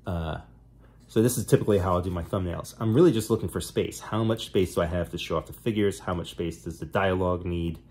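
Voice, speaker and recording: A middle-aged man with a New Jersey accent walks through his drawing process in a relaxed, rambling way, full of ums and restarts. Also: sits low, a little fast, husky. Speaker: comic artist. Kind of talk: casual drawing tutorial.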